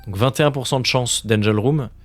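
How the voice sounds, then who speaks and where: A man in his thirties gives casual commentary while he streams a game. He grumbles and swears at it, and sometimes drops to a near-whisper under his breath. His voice sits at an ordinary middle pitch. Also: a little fast, faint music behind. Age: 30s. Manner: exasperated, swears a lot, drops to muttered whispers.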